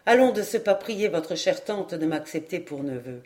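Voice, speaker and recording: A woman reading an audiobook, voicing an earnest, deeply moved young doctor in a lowered, soft-spoken voice. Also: lively intonation, moderate pace, close to an everyday voice.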